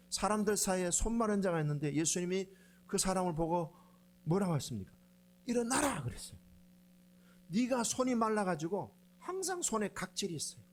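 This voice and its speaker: A middle-aged pastor delivers a sermon with a fairly high, lively voice that leaps up and down as he tells stories. He acts out quoted lines and speaks with animated energy. A faint hum sits behind him.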